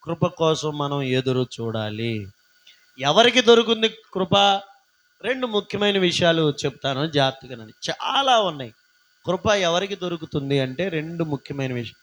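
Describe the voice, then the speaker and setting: A man's voice: a little high, very animated, normal speed, fairly bright tone, rough recording. A man pastor preaching a live sermon, singing refrains and calling out questions to the congregation. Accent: Telugu.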